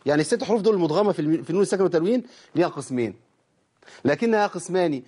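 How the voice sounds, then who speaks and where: An Egyptian man with a slightly high voice gives a religious lesson on recitation rules. He chants verse lines slowly, then breaks them down in relaxed colloquial talk, often asking his students questions. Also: slightly rough. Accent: Egyptian Arabic. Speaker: Quran recitation teacher.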